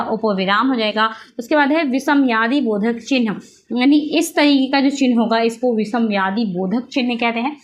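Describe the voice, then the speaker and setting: A woman teaching a grammar lesson, repeating points and answering her own questions as she explains. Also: on the high side. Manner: repetitive, rhetorical questions answered herself.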